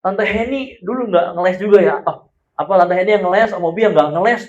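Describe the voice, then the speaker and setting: High-voiced man preaching in a roomy church. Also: fast, lo-fi sound. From Indonesia. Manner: conversational storytelling, swinging between loud and soft. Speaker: pastor. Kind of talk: sermon. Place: church hall.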